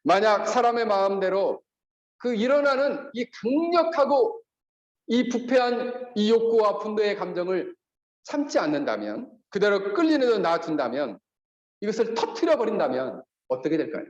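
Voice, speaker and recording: Animated preaching pastor, lively high voice. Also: male voice, normal speed. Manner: animated preaching, acts out quoted speech. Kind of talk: sermon. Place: church sanctuary. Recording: echoey, slightly dull church recording.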